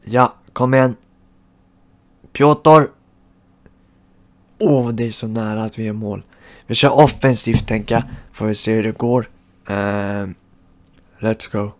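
A man's voice: lowish voice, pauses often. A man giving live commentary over his football video game, cheering his team and groaning at misses. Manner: excitable, shouts at goals, groans at misses. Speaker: gaming channel host.

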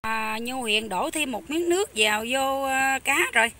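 A young woman with a Southern Vietnamese Mekong Delta accent, chatting loudly and eagerly to viewers while she cooks in a rural hut kitchen. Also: high-pitched, moderate pace. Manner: loud, chatty, enthusiastic, talks over noisy kids. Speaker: cooking vlogger. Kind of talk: casual cooking vlog chat.

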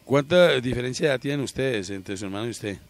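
A man's voice: mid-range voice, expressive, quick pace. A middle-aged man, a local TV reporter interviewing outdoors with a handheld mic, earnest and moralizing. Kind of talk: TV interview and commentary. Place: outdoors by a sports ground.

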